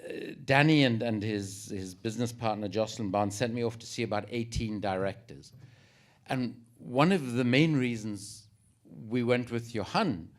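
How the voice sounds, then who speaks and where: A South African man answering as a panelist, measured and explanatory with a wry touch. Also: mid-range voice.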